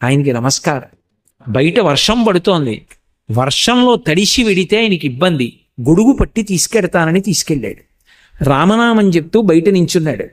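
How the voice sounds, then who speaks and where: A man with a notably high-pitched voice gives a devotional discourse. He chants Sanskrit verses slowly, then explains them in earnest, direct exhortation, weaving a story through his teaching. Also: sing-song. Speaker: spiritual speaker.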